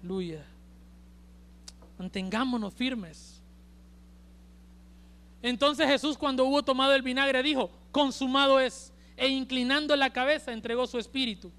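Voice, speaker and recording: A male preacher with a Honduran accent delivering an emphatic sermon at a church service, swinging between loud and hushed. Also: very high-pitched, measured pace, long pauses. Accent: Honduran Spanish.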